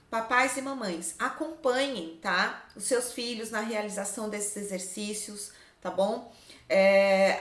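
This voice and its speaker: High-voiced woman teaching young children. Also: a bit bright, roomy sound. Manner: slow, sing-song explaining with frequent "tá?" checks. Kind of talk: literacy lesson for young children.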